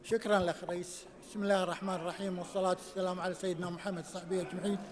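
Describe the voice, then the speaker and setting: A man addresses parliament, formal at first and then pleading. His voice is very high and quick. It comes from far off the mic, with long reverb. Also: flat delivery. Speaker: member of parliament. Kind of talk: parliamentary speech.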